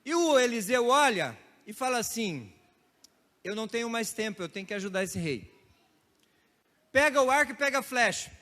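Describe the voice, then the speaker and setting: A man's voice: very high-pitched, sing-song, moderate pace, long pauses, bright, forceful tone. A male pastor giving a sermon, telling stories with playful imitations of regional expressions and laughing along the way. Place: church hall. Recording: church hall reverb.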